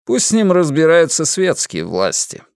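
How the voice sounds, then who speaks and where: A man voicing a calm fair-haired inquisitor who speaks in an impassive, measured way. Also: on the high side, creaky, smooth, no echo, clean studio sound, pitched above the performer's own voice, heavily acted. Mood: dispassionate.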